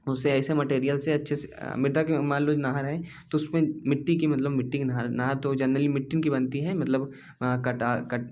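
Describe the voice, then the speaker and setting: A man's voice: on the high side, a little mellow, a little hiss or hum. A male teacher giving an exam-focused lecture, explaining step by step with many rhetorical questions and calling the students dear and brother.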